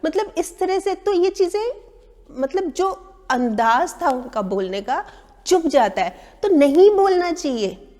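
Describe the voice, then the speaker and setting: High-voiced woman, echoey room. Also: very animated, measured pace, dark tone. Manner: acts out rude and taunting voices of others. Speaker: speaker giving advice on manners. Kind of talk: talking to camera.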